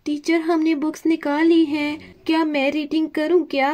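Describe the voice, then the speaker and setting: Smart big sister doll, a bit bossy with her little sis, high voice, a woman playing her. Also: flat delivery, moderate pace, darkish tone, lightly acted. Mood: confident. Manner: confident, mildly scolding. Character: clever older sister girl doll, best student, protective. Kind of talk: doll play storytelling.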